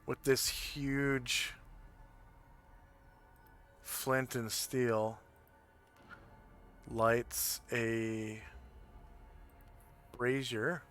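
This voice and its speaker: A man improvising narration as a tabletop game master, halting and pausing to think. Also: medium pitch, little pitch movement, fairly bright tone, smooth, faint music behind.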